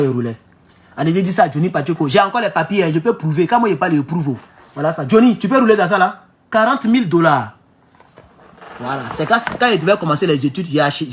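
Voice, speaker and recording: A man's voice: on the high side, slight background noise. A man from Côte d'Ivoire with an Ivorian French accent, telling a personal story as a political vlogger and giving emphatic warnings to his audience. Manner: emphatic, warning tone, with English phrases mixed in. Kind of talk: casual storytelling monologue.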